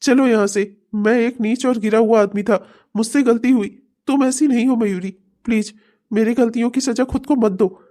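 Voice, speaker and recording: A woman's voice: fairly high pitch, steady tone, moderate pace, dark tone, close to an everyday voice. A woman voicing a frustrated husband in a cartoon comedy, scolding his wife and then begging her to come home. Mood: pleading. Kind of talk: Hindi cartoon comedy voice acting.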